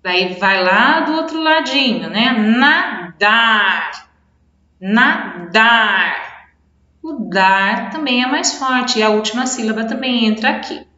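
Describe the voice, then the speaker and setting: A Brazilian woman teacher with a high, bright voice works through a children's video lesson. She explains patiently, drawing out words to mark their stressed syllables. The recording is dull and lo-fi, with the echo of a bare room. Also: moderate pace, few pauses. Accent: Brazilian Portuguese. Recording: echoey room, dull lo-fi sound.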